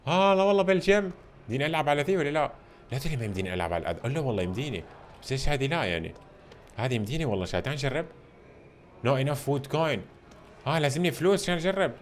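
Fast-talking excitable gamer man. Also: medium pitch, slight background noise. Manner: excitable, chatty, addresses viewers constantly. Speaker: gamer playing a video game. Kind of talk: casual gameplay commentary.

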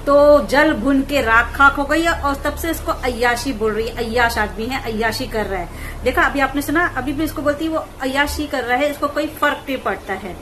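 A woman vlogger giving mocking, scolding commentary on clips in rapid rants. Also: high voice, a bit bright, slight background noise, low-quality recording.

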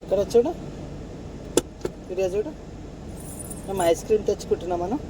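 A young woman talking gently to her small child in a casual home video, coaxing and repeating herself. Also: mid-range voice, expressive, fairly quick. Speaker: mother talking to her toddler. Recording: outdoor street noise with traffic.

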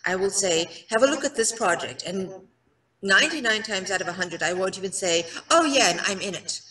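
Her mid-range female voice moves fairly quickly as this middle-aged South African actress chats in a casual video-call interview from a bright room. Speaking through a headset, she's a relaxed, self-deprecating guest who says um a lot, and the call audio sounds roomy and far off.

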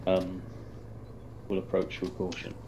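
Low-voiced man thinking aloud. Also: completely flat delivery, unhurried, dark tone, slight background noise, low-quality recording. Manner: thinks aloud, hesitant, methodical. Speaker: teammate planning the assault. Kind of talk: gaming voice chat, planning.

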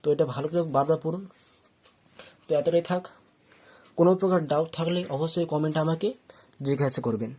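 Mellow patient Quran reading teacher. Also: mid-range voice, fast talker, long pauses. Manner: spells letters syllable by syllable, drawing out long vowels; patient, repeats each step and checks understanding. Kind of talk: step-by-step spelling lesson.

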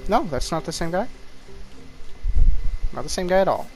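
A man's voice: high voice, very animated, moderate pace, vocal fry, soft background music. A man giving casual commentary over his own gameplay, rambling and mocking himself, jittery from too much caffeine. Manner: rambling, self-mocking talk. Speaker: gaming YouTuber.

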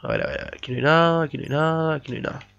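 A man's voice: fairly high pitch, big pitch swings, rapid-fire, gravelly, a bit bright, a little hiss or hum. Guy narrating his minecraft run, chatty, mutters while digging, kinda dull cheap mic. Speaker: gamer. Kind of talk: let's play commentary.

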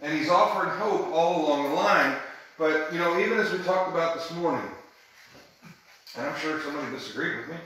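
A man's voice: on the high side, a little fast, sharp tone, very echoey, poor audio. A man leading a Bible study in a church room, teaching conversationally and emphatically and often checking in with his group.

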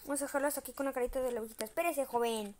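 High pitched woman gaming, sing-song taunts over and over, goofy casual chat, little bit of noise behind. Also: fairly even intonation, racing, a little mellow. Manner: playful, repeats taunts in sing-song chants. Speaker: gamer. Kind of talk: casual gameplay commentary.

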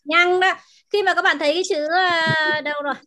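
A woman teacher in an online class, patiently explaining words and pronunciation and repeating them slowly over a video call. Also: very high voice, steady tone, bright, forceful tone. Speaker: language teacher.

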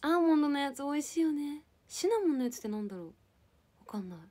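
A woman's voice: sits high, sing-song, fast talker, a little mellow. A young woman from Japan casually chatting with viewers on a livestream, playful and giggly as she answers comments. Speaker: live streamer.

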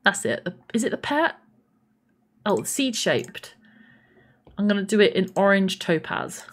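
Bubbly woman streamer, lively pitch. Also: a little slow. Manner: bubbly, gushing thanks to viewers. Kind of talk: casual gameplay live stream chat.

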